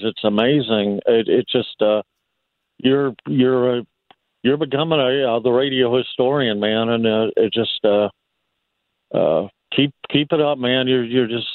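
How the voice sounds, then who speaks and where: A man calling into a late-night radio show, heard over a tinny phone line. He talks haltingly, full of fillers and restarts, in an average-pitched voice that sounds dry and close. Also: no room sound. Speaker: caller. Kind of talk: casual call-in chat.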